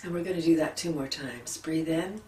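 A middle-aged woman leading a gentle relaxation lesson at home, talking softly and sighing out long breaths between exercises. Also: deep voice, fast talker, recorded from a distance. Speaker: laughter yoga leader. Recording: echoey room, a bit off-mic, faint background hum.

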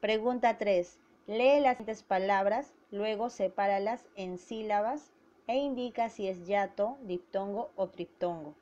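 Woman teacher going thru a grammar lesson real slow, sounding out syllables, kinda dull lo-fi audio. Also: medium pitch, a little mellow. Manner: slow and deliberate, spelling out syllables. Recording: dull lo-fi recording.

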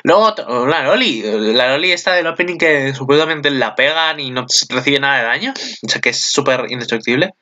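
Excitable bright-voiced Spaniard, lo-fi sound. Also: male voice, fairly quick. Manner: excitable, chatty, with sudden high exclamations. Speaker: video commentator. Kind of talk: casual reaction commentary.

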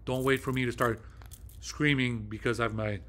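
A man hosting his own video talks off the cuff in a casual monologue, rambling and agitated, with heavy fillers and swearing. His voice is medium-pitched and a bit bright, with fairly even intonation and a moderate pace.

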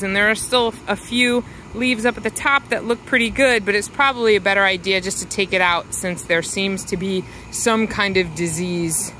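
A woman walking through her suburban backyard garden, filming with a handheld phone and explaining each plant in an unhurried, fond way. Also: mid-range voice, sharp tone, slight background noise, low-quality recording. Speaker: home gardener giving a garden tour. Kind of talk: casual walking garden tour. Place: outdoors in a suburban yard garden. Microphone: handheld phone camera, speaker behind it.

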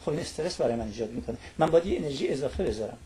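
A man's voice: mid-range voice, expressive, warm tone, slight background noise. A man explaining a topic as a studio guest on a talk show. He lectures in long lists and keeps checking in with his listener through little tag questions.

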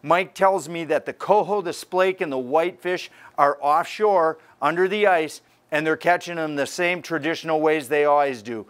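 An older man delivers a fishing report in a lively, conversational way. His voice sits a bit high for a man. He talks straight to the camera from inside a tackle store. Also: moderate pace, few pauses, clean tone. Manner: energetic, gestures while talking to camera.

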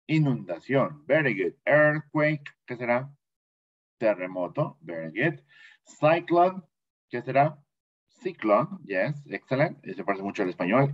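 A man with a Mexican Spanish accent who teaches an English class, speaking patiently and repeating vocabulary slowly so students can copy it. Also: mid-range voice, highs cut off. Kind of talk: bilingual classroom lesson.

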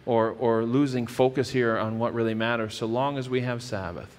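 Standing on a church stage with a wood-paneled wall behind him, a pastor in his thirties speaks at a moderate pace in a mid-range, fairly even voice. His earnest sermon on scripture includes many restarted phrases, and the hall's reverb colors the sound.

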